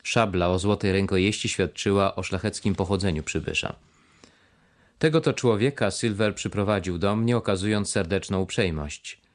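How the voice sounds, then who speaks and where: Low-pitched male audiobook narrator, measured, even storytelling. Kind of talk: scripted narration.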